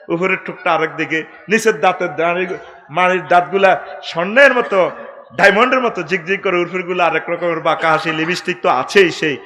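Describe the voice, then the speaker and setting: A middle-aged man preaching a waz sermon, storytelling comically with sudden shouts. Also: high voice.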